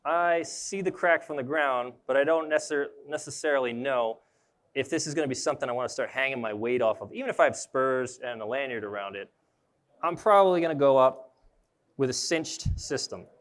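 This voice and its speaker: A young man gives a relaxed, hands-on demonstration at an indoor trade show booth, thinking aloud as he works with his climbing gear. His voice is smooth and clear and sits at a middle pitch. He is picked up on a close mic. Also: fairly quick. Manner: casual, thinks aloud while working with gear. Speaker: arborist trainer. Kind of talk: live demonstration talk.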